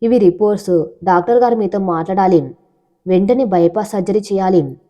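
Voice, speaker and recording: A woman voicing a steady young village woman in a storybook, speaking calmly and firmly. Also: medium pitch, brisk, highs cut off, natural voice. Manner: steady, cool, firm. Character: steady village woman in her twenties, calm and firm.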